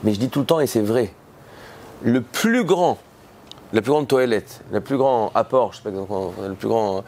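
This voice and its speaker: French-speaking rabbi telling stories. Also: male voice, medium pitch, animated, normal speed, darkish tone. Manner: informal, storytelling, acts out voices in quotes. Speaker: rabbi giving a talk. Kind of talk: lively conference talk with stories.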